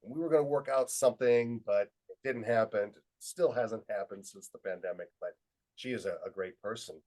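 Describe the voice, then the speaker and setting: Lively middle-aged male storyteller. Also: lowish voice, moderate pace, low-quality recording. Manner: lively storyteller who acts out quoted dialogue. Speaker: webinar presenter and student leadership trainer. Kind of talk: anecdotal storytelling presentation.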